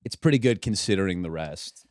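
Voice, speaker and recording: A young male comedian in casual podcast talk, quick to laugh and riff in quoted voices. His voice sits a bit low but jumps and dips lively. The sound is dry and close. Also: no room sound. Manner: animated, laughs often, riffs in quoted voices. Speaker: comedian guest.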